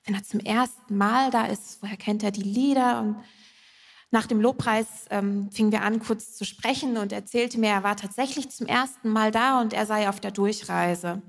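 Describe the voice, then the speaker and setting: Calm woman telling a testimony on stage. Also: mid-range voice, moderate pace, vocal fry. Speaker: church member telling a testimony. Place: large church hall stage. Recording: long hall reverb.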